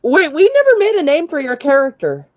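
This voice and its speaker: A woman narrating as game master, self-deprecating and quick to laugh, with halting restarts. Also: high-pitched, huge pitch swings, dry recording.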